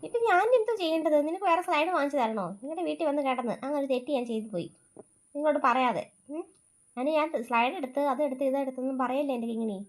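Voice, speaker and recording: A woman's voice: high voice, close to an everyday voice. A woman playing a defensive grandmother. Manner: insistent, rapid-fire denials. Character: defensive grandmother accused of taking a hair slide. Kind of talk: family comedy skit.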